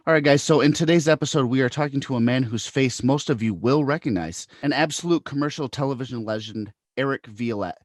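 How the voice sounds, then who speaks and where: A male podcast host talks in an easygoing, friendly way and laughs along with his guest. His pitch is middling, and the sound is dry and close. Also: fairly quick, few pauses, dry recording. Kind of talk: casual interview hosting.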